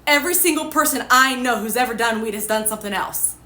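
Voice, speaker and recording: A woman's voice: fairly high pitch, fast, sharp tone. A young woman, a ministry host, telling her personal testimony in a chatty, candid way, laughing at her past. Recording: echoey room with faint ambience.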